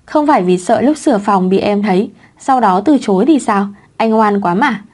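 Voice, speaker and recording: A woman's voice: medium pitch, expressive, moderate pace, a little mellow, breathy edge. A woman voicing a teasing, clingy young husband in a read-aloud story, in her own plain voice.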